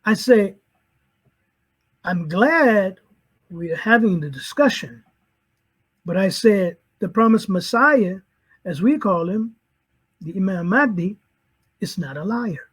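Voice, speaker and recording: Husky, high-voiced man telling his story. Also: animated, slow, long pauses, low-quality recording. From St. Louis, Missouri, USA. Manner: earnest, recounts conversations in quoted dialogue. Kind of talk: personal testimony storytelling.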